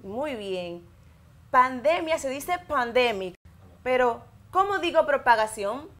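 This is a thirty-something English teacher from the Dominican Republic, teaching schoolchildren on television. Her high-pitched, sing-song voice is a bit bright, carries a Dominican Spanish accent, and moves slowly and clearly between the two languages as she models words for repetition.

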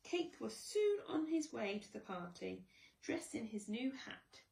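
A woman, a preschool teacher, reading a children's storybook aloud in a slow, gentle and expressive way. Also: on the high side, creaky, distant mic. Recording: echoey room, voice off-mic.

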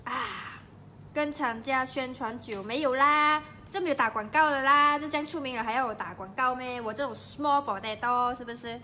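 Malaysian girl livestreaming from home, high voice, chatty and teasing. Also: normal speed, bright, forceful tone, slight background noise. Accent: Malaysian Mandarin. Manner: chatty and playful, teasing viewers. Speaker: livestream host. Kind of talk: casual livestream chat.

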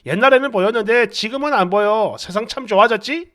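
A man's voice: high voice, brisk, fairly bright tone. Woman doing a smug, chuckling prankster husband. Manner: laughs while talking, playful and smug.

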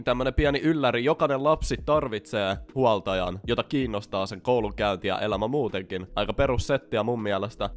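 A young man in his early twenties, telling a story in a chatty, slangy vlog style with some swearing. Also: on the low side. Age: young adult. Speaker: vlogger. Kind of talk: casual storytime.

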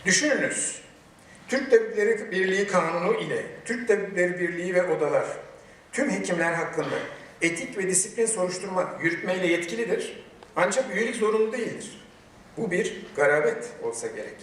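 A man speaking at a podium microphone in a large hall, giving a formal prepared speech with emphatic, measured delivery and rhetorical questions. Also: sits high, expressive, fairly bright tone. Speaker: medical chamber president giving a ceremony speech. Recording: very echoey hall, voice distant from the mic.

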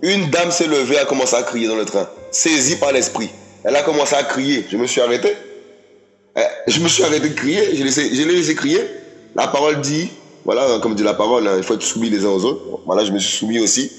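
A man's voice: medium pitch, quick pace, faint music behind. A man preaching a sermon, emphatic, repeating his phrases and often calling out to his listeners as friends. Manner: addresses audience as "mes amis".

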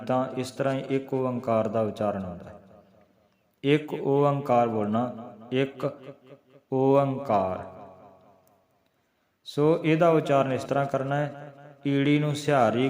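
A man teaching the correct recitation of scripture, spelling out each letter slowly and chanting the verses. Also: medium pitch, a little mellow, echoey room. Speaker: Gurbani teacher. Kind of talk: slow recitation lesson with explanation.

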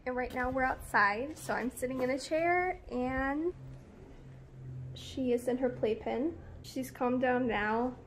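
A woman's voice: slow, slight background noise. A woman talking casually in a vlog, chatty and rambling, with frequent fillers and asides. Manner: breaks into a high sing-song when talking to her puppy. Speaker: vlogger. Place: outdoors at first, then indoors.

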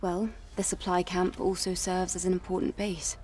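A woman as Eve, soft reserved game soldier. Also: lowish voice, little pitch movement, moderate pace, lightly acted. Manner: soft-spoken, guarded, sincere. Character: young female soldier, reserved and earnest. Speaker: protagonist. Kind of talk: game cutscene voice acting. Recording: distant voice over game music.

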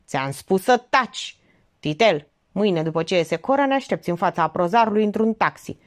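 A woman's voice: medium pitch, lively intonation, natural voice. A woman voicing a tense, irritable male engineer who speaks curtly. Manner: curt, irritable.

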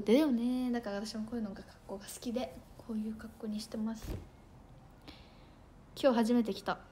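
A woman's voice: fairly high pitch, a little mellow. A young woman idol livestreaming in casual chat, bubbly and chatty, thanking viewers for gifts and sometimes tripping over her words.

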